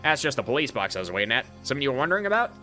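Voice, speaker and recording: A streamer voices a somewhat nerdy police detective, chatty and friendly. His tone is sharp and bright, and it bounces lively up and down as he talks quickly. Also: mid-range voice, soft background music. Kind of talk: game voice-over by a streamer.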